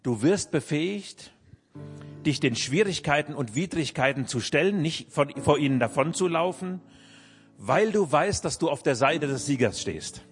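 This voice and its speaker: A man's voice: fairly high pitch, expressive, normal speed, long reverb tail, soft background music. A man preaching a sermon earnestly, lifting his voice on key phrases.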